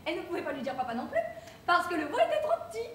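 A chuckling fire captain spins nonsense fables in a stage play, played by a woman. Her voice sits very high and leaps around theatrically. It is caught from a distance in a reverberant theatre with a faint rumble underneath. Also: very animated, racing, a bit bright, full character voice. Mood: amused. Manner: theatrical storytelling, chuckling through her tales. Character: female fire captain, tired, fond of absurd fables. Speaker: amateur stage actor.

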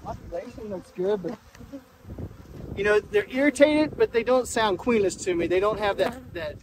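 Out in an open field, a man with a high voice narrates his hive inspection for a laid-back vlog, speaking into a camera mic attached to him. His delivery is easygoing but halting, full of restarts and filler words, while bees buzz loudly and wind blows throughout the outdoor recording.

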